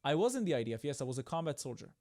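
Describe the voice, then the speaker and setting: A man's voice: medium pitch, very animated, rapid-fire, warm tone. A young man from Israel with an American-tinged accent, arguing insistently in a heated debate as the host, repeating himself to press his points.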